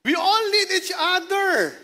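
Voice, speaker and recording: A woman's voice: very high-pitched, animated, bright, forceful tone. A woman pastor with a Filipino accent preaching a sermon. She mixes languages, jokes with the congregation and keeps asking them to answer. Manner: mixes languages in quick phrases. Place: church service.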